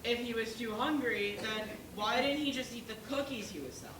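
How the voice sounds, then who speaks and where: In a school stage play, a woman with a fairly high voice plays a reasonable pig juror, speaking fairly quickly with light acting. She calmly questions and argues, reasoning doubtfully about the wolf's guilt, in a roomy, distant, noisy stage recording.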